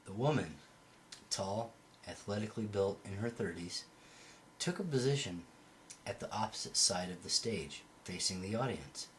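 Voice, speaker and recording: Reading a novel aloud for an amateur home audiobook, a man with a lowish, slightly bright voice sounds animated at a moderate pace. The audio is poor, with faint background noise, and he sometimes fumbles a word before correcting it.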